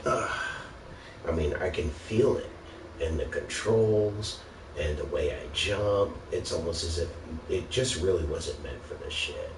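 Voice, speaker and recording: A man's voice: low-pitched, a little slow. A man on a casual, sweary gaming rant, complaining in an exasperated, sarcastic way. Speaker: video game ranter. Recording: roomy, noisy, distant microphone.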